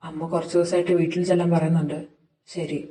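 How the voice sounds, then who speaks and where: A woman's voice: sits low, little pitch movement, quick pace, mellow, natural voice. A woman voicing a scheming young man who plots a cruel prank, speaking in a sly, conspiratorial way. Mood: smug. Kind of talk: fan audio drama acting. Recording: roomy, distant amateur recording.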